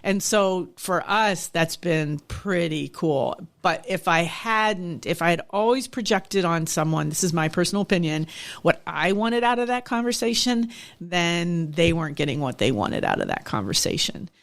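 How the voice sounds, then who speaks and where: Middle-aged woman guest, gravelly, reflective storyteller. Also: fairly low pitch, lively intonation, moderate pace. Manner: reflective, candid storytelling with frequent restarts. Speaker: nonprofit executive director, podcast guest. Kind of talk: conversational interview.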